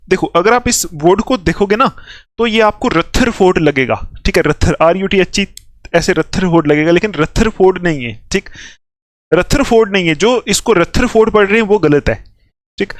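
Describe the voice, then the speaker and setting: A young male chemistry teacher with a noticeably high voice explains a lesson point by point. He keeps pausing to check that his students follow. The sound is close and dry, with no room echo. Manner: explains step by step, checks in with "theek hai" after nearly every phrase. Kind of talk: classroom lecture at a whiteboard.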